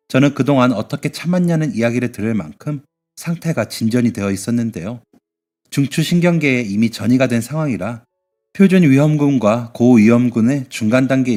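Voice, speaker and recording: A man reading a scripted first-person story in a soft, emotional way. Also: medium pitch. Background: faint music.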